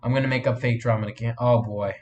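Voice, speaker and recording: Fast-talking and sniffly, this man has a medium pitch and fairly even intonation, though the audio is dull. He's a live streamer and fan film maker replying to chat on a casual stream, rambling with frequent fillers and restarts.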